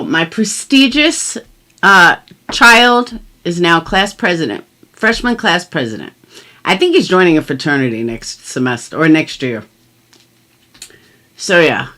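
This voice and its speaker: A middle-aged woman with a lowish, sharp-toned voice does commentary vlogging, chatting casually and reading legal documents aloud with mock drama. She's emphatic and blunt, and doesn't hold back on swearing.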